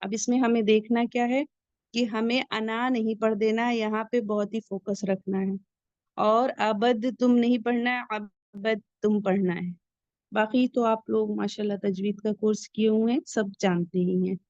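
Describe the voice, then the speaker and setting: Slow, patient woman teaching recitation rules. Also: mid-range voice, steady tone, darkish tone, dry recording. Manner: patient, explains each rule slowly and repeats key points. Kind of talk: step-by-step recitation lesson. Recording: dull lo-fi sound.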